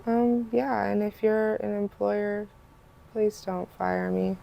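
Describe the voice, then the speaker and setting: A woman guest on a podcast, giving quiet, plain-spoken, brief replies. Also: medium pitch, steady tone, takes it slowly, vocal fry, muffled recording. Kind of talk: casual interview chat.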